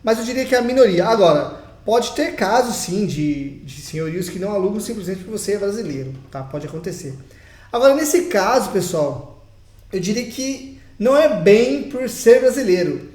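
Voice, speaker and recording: In an echoey room at home in Portugal, a young Brazilian vlogger shares his opinions casually, addressing viewers directly in a chatty, emphatic way. His voice is high-pitched, sing-song and a little mellow, at a moderate pace, with a Brazilian Portuguese accent.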